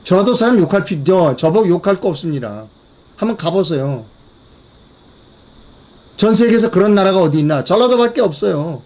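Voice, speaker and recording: A man with a high-pitched, expressive, darkish voice hosts a political commentary broadcast in Korean, speaking fairly quickly and pausing often. As the channel's host, he talks emphatically, repeats key phrases, and addresses his viewers directly.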